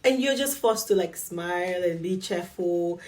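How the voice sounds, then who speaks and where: A woman's voice: lowish voice, a little slow, a little mellow, far from the mic. A woman vlogger telling a personal story in a casual, chatty way, laughing often and acting out what people said to her. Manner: chatty, laughs often, acts out quoted dialogue.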